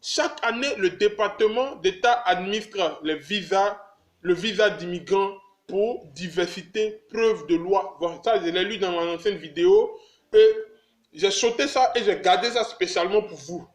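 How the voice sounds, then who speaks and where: A man's voice: sits high, moderate pace. A man hosting his own channel, talking casually and emphatically to his viewers, repeating himself and calling them his brothers. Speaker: channel host. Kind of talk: casual direct-to-camera vlog. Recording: echoey room.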